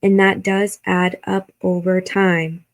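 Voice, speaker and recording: A woman's voice: fairly low pitch, level tone, takes it slowly. A woman hosting a reaction video, giving blunt, critical commentary and swearing freely.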